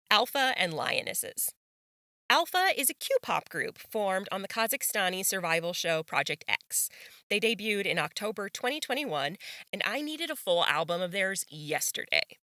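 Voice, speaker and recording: A woman's voice: on the low side, pushed and bright, no room sound, studio quality. A woman hosting a solo podcast, reading out results and reacting with gasps and laughter. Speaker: podcast host.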